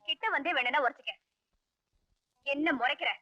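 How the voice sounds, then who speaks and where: A fiery young wife, high bright voice, dry old film sound. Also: female voice, normal speed, no echo. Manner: scolding, teasing. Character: feisty sharp-tongued young wife. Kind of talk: 1980s Tamil film dialogue.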